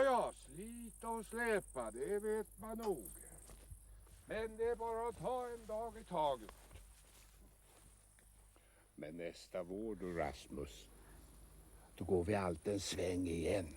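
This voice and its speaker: An actor playing a carefree, easygoing wandering tramp in a film drama, sighing and breaking into folk song. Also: male voice, high voice, sing-song, a little hiss or hum. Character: carefree wandering male tramp, warm and jovial. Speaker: wandering tramp who also sings. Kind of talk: 1980s film drama with songs. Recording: film soundtrack with loud music.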